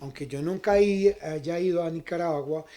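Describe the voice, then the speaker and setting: Hosting a conversational interview show, a man from Costa Rica talks at a normal speed in a voice slightly high for a man. The tone is very mellow yet dark-edged, and he frequently tags a short checking question onto the end of his phrases.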